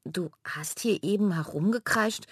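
A woman voicing an eager young girl who speaks in an urgent, excited way. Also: medium pitch, measured pace, husky, no room sound, clean studio sound. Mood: alarmed. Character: eager young girl, worried, quick to feel.

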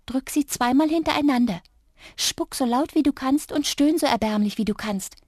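A tiny green sprite whispers his orders in a high, hushed, insistent voice, as a woman reading the story puts him on. His commands come soft yet firm, set dry and close with no room sound. It is a storybook voice for a small, bossy magical creature. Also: moderate pace, slightly rough, no echo. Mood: commanding.

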